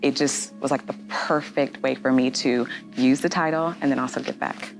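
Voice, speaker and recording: A young woman from the United States, with a notably low voice, joins a casual panel chat. She speaks confidently, poised and articulate. Soft music sits faintly underneath. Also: steady tone, normal speed, gravelly. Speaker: panel guest.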